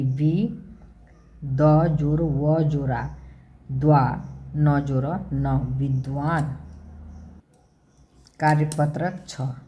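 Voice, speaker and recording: A woman teaching a worksheet lesson to young children, sounding out each word letter by letter. Her voice sits low and dark, and she moves at an unhurried, very slow pace. Her manner is patient and methodical. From India. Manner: slow, spells words sound by sound.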